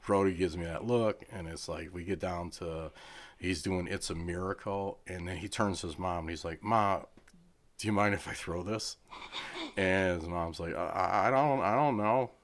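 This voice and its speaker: A middle-aged man, a charity head, telling a story in casual chat and acting out the people he quotes with lively swings in pitch. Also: moderate pace. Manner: animated, acts out quoted people with raised pitch.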